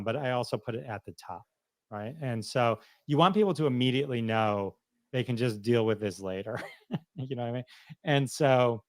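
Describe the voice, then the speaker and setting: A man's voice: medium pitch, no echo. Rambling man explaining casually, dry sound. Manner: rambling, self-correcting, laughs easily. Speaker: podcast guest, software founder.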